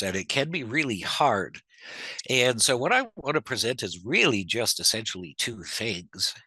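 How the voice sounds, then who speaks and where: A man's voice: fairly low pitch, bright, forceful tone, no echo, poor audio. Congested man presenting an online seminar. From Northern Ontario, Canada. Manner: conversational, digressive, self-deprecating asides. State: stuffed up, congested. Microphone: video call.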